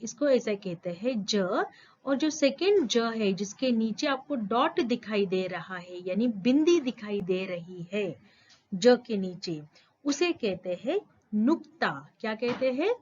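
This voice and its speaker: A woman's voice: a little high, expressive, darkish tone, lo-fi sound. A woman teaching a school lesson to children, patient, repeating words and asking questions back. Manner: slow, patient, repeats and quizzes the listener.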